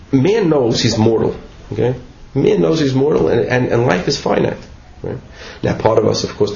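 A man with a low, gravelly, slightly mellow voice leads a Torah class, reading passages aloud and explaining them in a casual way. He tends to repeat words and ask "right?" often, and the audio is dull lo-fi from an echoey room, with a faint noise underneath.

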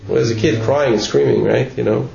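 Man, gravelly voice, informal text-study lesson, dull lo-fi recording with faint hiss. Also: mid-range voice, steady tone, quick pace, warm tone. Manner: informal, repeats words, asks "right?" often. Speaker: teacher giving a Torah class. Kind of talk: text study lesson, reading Hebrew and explaining in English. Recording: echoey room, dull lo-fi with faint noise.

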